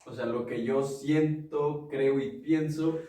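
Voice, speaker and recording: A man's voice: medium pitch, steady tone, slow pace, mellow. A man with a Mexican accent co-hosting a casual podcast, explaining ideas with examples and acting out quoted lines. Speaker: podcast co-host. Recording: echoey room, mic at a distance.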